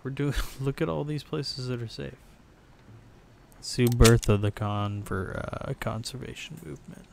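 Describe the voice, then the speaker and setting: A man's voice: mid-range voice, steady tone, measured pace, creaky, heavy background noise. A man live-streaming a video game, chatting loosely through his play with casual swearing and filler words. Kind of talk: casual gameplay commentary. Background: game music.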